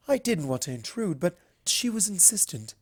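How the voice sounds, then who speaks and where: A narrator voicing a regal, reserved winged unicorn princess in a storybook reading, with formal, measured courtesy. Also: mid-range voice, sing-song, slightly rough, voice pushed up. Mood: gracious. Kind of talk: storybook character voice.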